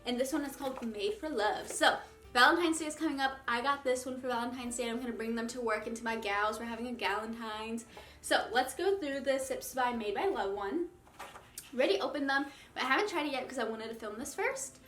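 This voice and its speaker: Bright bubbly young woman vlogging. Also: a little high, brisk, faint music behind. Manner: bubbly, chatty, lots of "like". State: out of breath. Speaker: beauty vlogger. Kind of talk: casual vlog chat.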